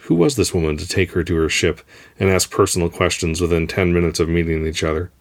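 A man reading a story aloud in a measured, steady narration. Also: sits low. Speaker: story reader. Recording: faint music underneath.

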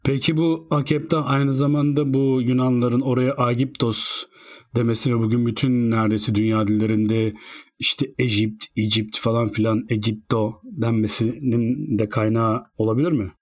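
Man, mid-pitch, casual chat partner; curious, speculative questioner. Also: fairly even intonation, moderate pace. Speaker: co-host asking questions.

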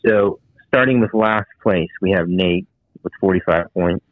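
A man calls in on a flip phone, and his low, laid-back voice comes through thin and tinny, like a bad cell line. The line is dry, with no room around him. He chats casually with the show. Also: unhurried, no room sound. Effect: tinny flip phone call audio. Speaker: podcast co-host calling in. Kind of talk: casual chat.

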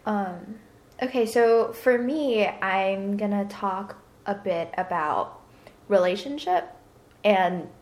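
A woman's voice: mid-range voice, slow, darkish tone. A young woman in her twenties, co-hosting a podcast in casual chat and filling her talk with frequent fillers. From Hong Kong. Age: 20s. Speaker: podcast co-host. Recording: roomy echo.

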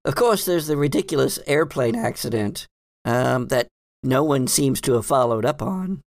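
Voicing a hesitant, bookish librarian in an improvised tabletop roleplay, a male game master rambles and hedges with earnest, mildly dismissive energy, his mood hesitant as he recounts things. His voice is medium-pitched, gravelly, and animated, at a moderate pace. The studio-quality recording has no echo.

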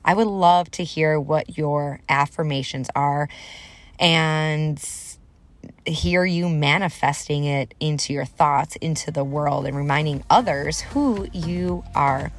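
Taking it slowly, a deep-voiced woman in her thirties hosts her solo motivational podcast with no echo on the recording. She addresses listeners directly, encouraging them in a conversational manner.

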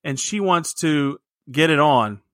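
A man's voice: on the high side, expressive, measured pace, fairly bright tone, no room sound, studio quality. A man co-hosting a movie podcast, chatting casually and laughing often between rambling restarts. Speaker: podcast co-host. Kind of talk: casual movie review chat.

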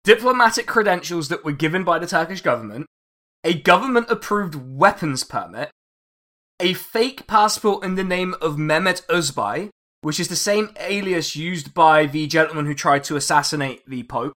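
Male podcast host, slightly high, bright and crisp tone; wry, profane, quick to laugh. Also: animated. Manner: laughs often, swears, chatty and wry. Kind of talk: casual history podcast chat.

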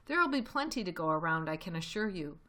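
A woman's voice: on the low side, very animated, fast, fairly bright tone. Storybook fox, acted by a woman: sly father, confident, grandly polite, relishes his phrases. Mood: grandly generous.

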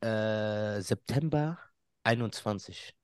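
A man's voice: on the low side, slow, smooth, no echo, clean studio sound. A man, a podcast guest who tells a story in casual chat, laughs often and acts out what people said.

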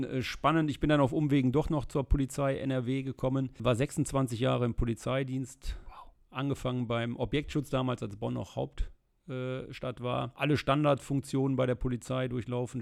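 A middle-aged man from the Rhineland, answering questions in a casual interview, fluent and steady with frequent filler sounds. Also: mid-range voice, creaky. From Germany, Rhineland. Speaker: interview guest, state politician.

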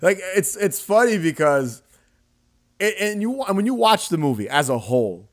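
A young adult man hosting a podcast, retelling a film scene in a casual, animated way with laughs and swearing. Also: sits high, moderate pace. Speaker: podcast host. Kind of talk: casual chat.

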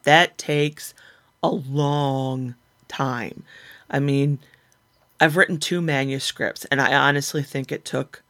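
An animated woman talks frankly as a podcast guest, voicing her own inner arguments in lively little quoted asides. The chat is casual and self-mocking. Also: low voice.

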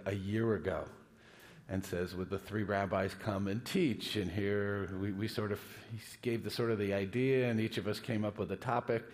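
Older man, low voice through a face mask. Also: a little mellow. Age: older, a grandfather. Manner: halting, self-deprecating. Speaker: rabbi, guest teacher. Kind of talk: informal lecture to a class.

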